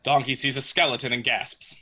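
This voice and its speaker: A man's voice: mid-range voice, little pitch movement, brisk, bright, forceful tone, slightly rough, lo-fi sound. A man reading stage directions as scripted narration between the characters' lines.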